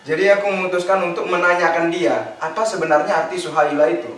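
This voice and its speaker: A young man telling stand-up stories in an animated way, laughing at his own jokes. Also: high-pitched, fast talker. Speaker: stand-up comedian. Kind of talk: stand-up comedy storytelling. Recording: very echoey room, distant mic.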